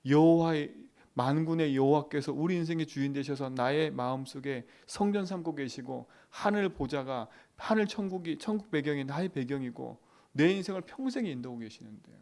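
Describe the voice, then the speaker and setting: A man preaching a dawn prayer sermon as pastor, asking the congregation questions, swinging from loud emphatic lines to quiet asides. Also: a little high, fairly quick.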